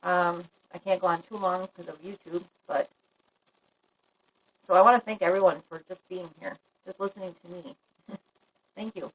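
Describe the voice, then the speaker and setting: A woman's voice: lowish voice, steady tone, normal speed, long pauses, breathy edge, low-quality recording. A woman live-streaming a casual chat to her viewers, talking frankly and laughing often. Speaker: livestream vlogger.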